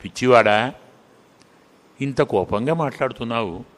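A man voicing a calm divine male prince who patiently reasons and gently scolds. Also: mid-range voice, normal speed, lightly acted. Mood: calm reasoning. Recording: reverberant hall.

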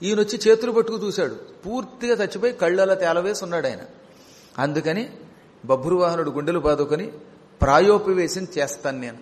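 A man's voice: high-pitched, fast, darkish tone. A man retelling an epic story in a devotional discourse, explaining the story as he goes. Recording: long hall reverb.

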